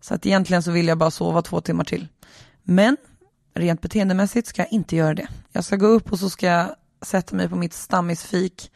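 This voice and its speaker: Tired, gravelly solo podcaster. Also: mid-range voice, fairly even intonation, a little mellow, dry recording, clean studio sound. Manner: reflective, rambling, many hesitations. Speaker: podcast host. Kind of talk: casual solo podcast monologue. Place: lying in bed, alone.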